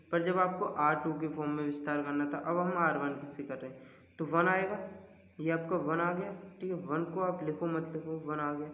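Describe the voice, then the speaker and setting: A man's voice: on the high side, a bit bright. A man teaching a math lesson at the board, working through each step and asking rhetorical questions as he goes. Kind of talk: board-work lesson explanation. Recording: echoey hall, dull lo-fi sound.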